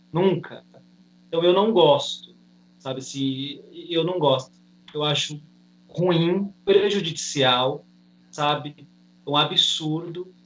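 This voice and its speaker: Opinionated Brazilian man, fairly high voice. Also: a bit bright, slight background noise, poor audio. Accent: Brazilian Portuguese. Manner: firm, opinionated. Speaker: guest actor. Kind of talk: casual interview chat.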